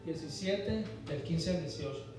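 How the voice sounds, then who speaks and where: A man's voice: fairly high pitch, lively intonation, a little slow, music in the background. A man preaching a Sunday school sermon, emphatic and calling the congregation for amens. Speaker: pastor. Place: church hall. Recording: echoey church hall, mic far off.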